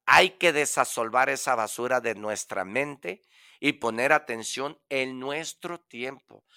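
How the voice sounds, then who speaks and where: A man's voice: mid-range voice, a little slow, gravelly, pushed and bright, clean tone. A man giving a motivational talk on the radio, emphatic and preachy, repeating phrases for effect.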